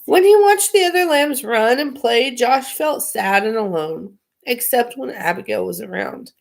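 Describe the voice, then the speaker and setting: On a livestream, a woman reads a children's picture book aloud, playful, giggly and chatty between pages. Her fairly high voice is animated and unhurried, with some vocal fry.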